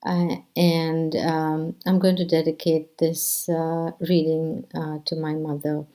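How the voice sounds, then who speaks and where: A middle-aged woman from India, a poet and teacher, introducing her poetry reading in a soft, hesitant way with many fillers. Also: low voice, little pitch movement, slow.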